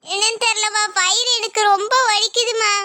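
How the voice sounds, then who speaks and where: Woman voicing a cartoon young wife, squeaky high, sharp, whimpering, pleading. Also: fairly even intonation, dry recording. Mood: pained. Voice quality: very high, bright, childlike.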